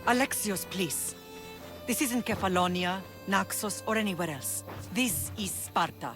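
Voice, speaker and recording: A woman's voice: mid-range voice, unhurried, music in the background, close to an everyday voice. An actress playing a stern, protective middle-aged Spartan mother who speaks in a firm, instructive way.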